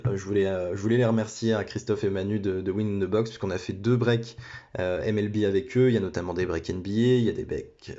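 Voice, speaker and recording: A man's voice: lowish voice, warm tone. Man hosting a card break on a lo-fi phone. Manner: hesitant, many restarts and apologies. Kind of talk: casual card-opening commentary. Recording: dull lo-fi phone audio.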